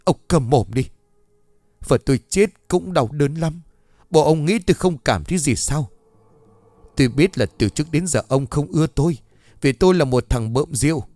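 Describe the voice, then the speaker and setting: A man voicing a drunken, hot-tempered young husband in a ghost story, shouting in a rushed, higher voice. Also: lively intonation, no room sound, soft background music, natural voice. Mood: indignant. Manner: loud, hurried and angry.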